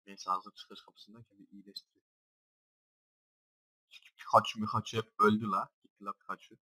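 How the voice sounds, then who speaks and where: A young man casually commenting on his own gameplay, swearing constantly and jumping between low mutters and loud shouts. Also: flat delivery, fairly quick, poor audio.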